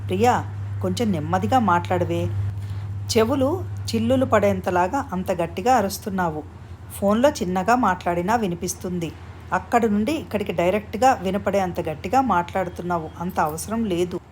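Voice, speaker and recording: A woman's voice: mid-range voice, fairly quick, darkish tone, slight background noise, lightly acted. A woman reading the lines of a flustered young bride who scolds and teases her friend. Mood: scolding. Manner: teasing, scolding.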